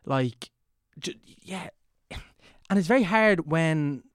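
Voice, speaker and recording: A man's voice: a little high, animated, slow pace, smooth, dry recording, clean studio sound. An Irish man in his twenties hosting a podcast, rambling with lots of filler words while asking probing questions. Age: 20s. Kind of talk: casual podcast chat.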